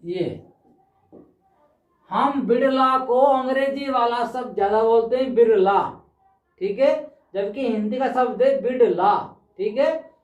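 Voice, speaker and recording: A man teaching a language lesson who explains patiently, slows down to repeat words and keeps checking in with his students. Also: extremely high pitch, recorded from a distance. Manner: patient, repeats words slowly, checks in with 'ठीक है' often. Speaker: Hindi teacher. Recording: roomy, dull sound from off-mic.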